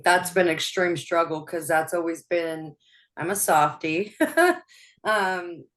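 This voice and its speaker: A woman's voice: lowish voice, slow. A woman being interviewed as a guest, talking openly about her life, laughing often and restarting her sentences. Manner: open, laughs often, soft-spoken with frequent restarts. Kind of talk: personal interview.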